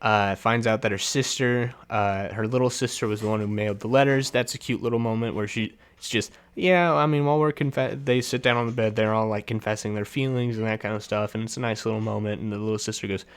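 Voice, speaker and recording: A man's voice: fairly low pitch, a little fast, few pauses, clean tone. Chatty laughing male film reviewer. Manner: chatty, laughs often, many fillers and restarts. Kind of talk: casual solo film review.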